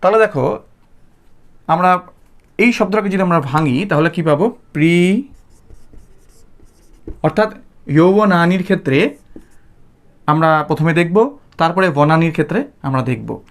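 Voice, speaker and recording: বাংলা টানের এক পুরুষ শিক্ষক, ক্লাস-লেকচারের ঢঙে ধৈর্য ধরে বোঝাচ্ছেন, শব্দ ভেঙে ভেঙে ধীরে বারবার বলছেন।. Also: male voice, a little high. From Bengal, India. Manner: patient, repeats and breaks words apart slowly. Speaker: Sanskrit teacher. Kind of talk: explanatory class lecture.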